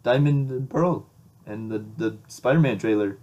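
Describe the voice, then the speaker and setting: A man's voice: mid-range voice, moderate pace, a little mellow, muffled recording. A young man co-hosting a casual podcast, teasing his friend in a dry, easygoing way. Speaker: podcast co-host. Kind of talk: casual chat.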